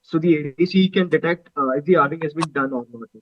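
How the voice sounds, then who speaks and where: A hesitant young man from India explains a technical design, filling pauses with many fillers and sitting a little high in pitch. His volume is uneven, swelling and sinking as it cuts in and out. The audio comes through a dull, muffled, garbled video call. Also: dry recording. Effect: uneven volume, cutting in and out. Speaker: student rocket team member.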